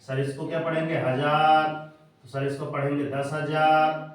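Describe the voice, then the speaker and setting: A man's voice: a little high, level tone, unhurried. A man teaching a maths class to children, quizzing them in call-and-response and spelling words out letter by letter. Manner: drills pupils with call-and-response questions. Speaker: coaching teacher. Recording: very echoey room, voice from a distance.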